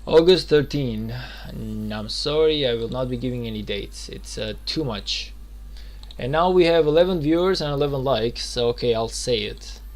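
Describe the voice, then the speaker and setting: A man in his twenties chats loosely during a game live stream, rambling with lots of fillers and restarts. His voice is medium-pitched and moves at a normal speed.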